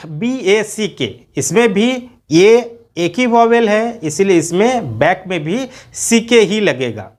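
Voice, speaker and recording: Indian man spelling out English words. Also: high-pitched. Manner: patient teaching, spells words out letter by letter. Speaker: English grammar teacher. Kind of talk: video lecture.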